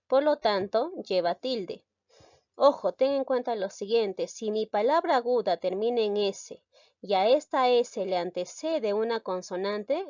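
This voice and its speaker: A woman's voice: medium pitch, a little mellow, no echo, highs cut off. A woman teaching a grammar lesson, explaining step by step and stressing key syllables.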